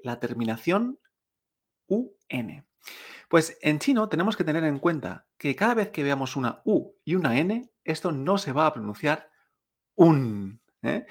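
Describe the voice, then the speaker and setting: A man teaching a pronunciation lesson, speaking slowly and patiently, repeating sounds and checking in with the listener often. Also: on the high side. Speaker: Chinese teacher.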